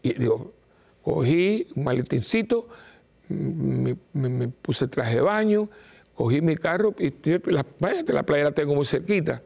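Gravelly priest preaching. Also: male voice, a little high, expressive, a little slow, a little mellow. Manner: emphatic, repeats short no's, acts out quoted voices. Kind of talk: informal preaching talk.

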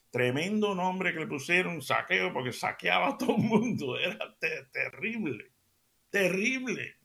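Gravelly man preaching on radio. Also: fairly high pitch. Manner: animated, dramatic storyteller who drops to soft near-whispers for emphasis. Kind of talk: radio devotional storytelling.

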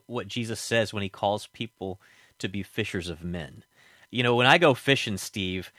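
A man's voice: on the low side, sharp tone, dry recording, studio quality. Casual male radio host. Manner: casual and conversational, with fillers. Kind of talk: interview questions on a morning talk show.

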